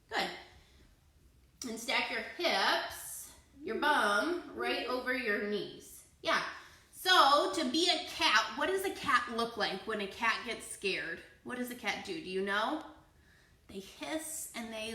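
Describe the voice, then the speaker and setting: A young woman leading a children's yoga class, giving playful, encouraging step-by-step cues in a slow, easy rhythm. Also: a little high, pushed and bright, distant mic. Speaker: kids yoga teacher. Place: room with children. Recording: echoey room, voice from afar.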